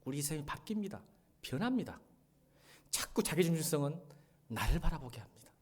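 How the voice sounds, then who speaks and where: A middle-aged male pastor delivers a Sunday sermon in a church. He talks to the congregation directly, shifting from quiet, earnest lines to loud, animated passages. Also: on the high side, a little fast, slightly rough. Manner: animated, swings from soft to loud when retelling a drama scene. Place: church sanctuary.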